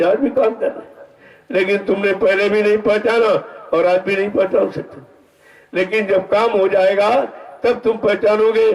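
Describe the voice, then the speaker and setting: A man's voice: sits high, distant mic, low-quality recording. A man giving a devotional sermon, preaching emphatically and asking his listeners rhetorical questions.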